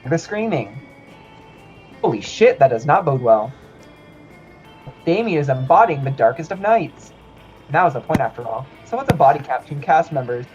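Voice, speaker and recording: Animated man reading game text. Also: fairly high pitch, moderate pace, pauses often. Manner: reads game text aloud, swears, laughs often. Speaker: gamer. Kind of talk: casual game stream chat. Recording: muffled lo-fi stream audio, faint music.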